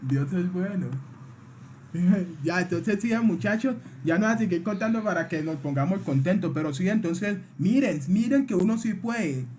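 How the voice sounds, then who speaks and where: High-voiced earnest Colombian man. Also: lively intonation, normal speed, hardly any pauses, a little mellow, slight background noise. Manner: earnest, heartfelt, often addressing the listeners directly. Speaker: streamer. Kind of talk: personal life story told to a live audience.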